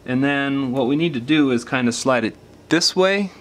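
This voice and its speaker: Medium-pitched and a bit bright, a repair tutorial host talks at a moderate pace while working through a hands-on DIY job. Each step gets a plain, informal explanation as he goes.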